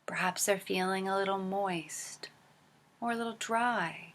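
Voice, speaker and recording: This is a woman teaching a guided body scan, speaking at a medium pitch. Calm and unrushed, she pauses at length and finishes her phrases with a breathy softness.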